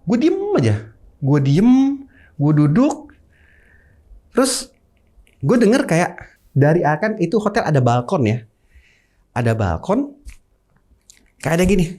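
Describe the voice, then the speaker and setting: A man's voice: fairly high pitch, unhurried, pauses often. A middle-aged man telling a personal ghost story in a casual chat, acting out the sounds with his voice. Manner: animated, mimics sounds with his voice.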